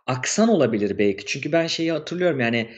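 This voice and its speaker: A man's voice: medium pitch, animated, fast talker, highs cut off. A man co-hosting a casual podcast, chatting loosely and reading out viewer messages. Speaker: co-host.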